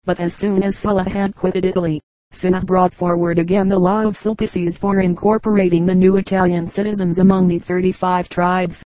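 Female audiobook reader for a history text; steady, measured delivery, low and monotone. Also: no echo, rough recording. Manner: measured, even reading. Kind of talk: scripted narration of a history book.

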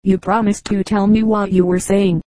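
Eager little boy asking questions , read by a lady, flat even tone, dry sound. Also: mid-range voice, moderate pace, dry recording, natural voice. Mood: impatient. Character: impatient curious young boy.

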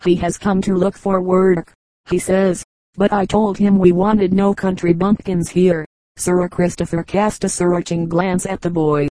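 Low, flat-voiced woman reading a story. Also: unhurried, no echo, low-quality recording. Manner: steady, even reading with quoted dialogue. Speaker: audiobook reader. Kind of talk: storybook narration.

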